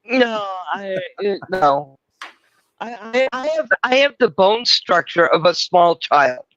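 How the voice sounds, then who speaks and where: A woman's voice: medium pitch, very animated, slow, fairly bright tone, dull audio. A middle-aged woman hosting a livestream, rambling and crude, mocking herself as she chats. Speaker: livestream host. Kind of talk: casual livestream chat.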